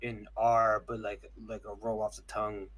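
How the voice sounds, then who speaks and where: A young man with a husky, slightly rough voice cuts in with jokes and quick asides in a loose chat between friends. He has a casual, playful way of talking. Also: on the low side, monotone, fairly bright tone. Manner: jokey interjecting. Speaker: podcast co-host. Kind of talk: casual banter.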